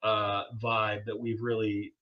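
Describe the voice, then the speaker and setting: A man's voice: on the low side, completely flat delivery, slow, dull audio. A man co-hosting a podcast in casual chat, a former English teacher who talks in a playful, wordy, jokey way. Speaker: podcast co-host.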